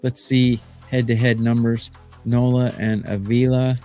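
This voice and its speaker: A man's voice: medium pitch, level tone, measured pace, mellow, soft background music. A man in his fifties from Arizona, a sports betting handicapper talking on a live stream in a boastful, rambling way with lots of fillers. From Phoenix, Arizona. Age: 50s.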